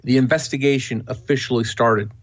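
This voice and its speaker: Man, podcast co-host, steady true-crime narration, matter-of-fact, middle pitch, slightly muffled audio. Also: brisk.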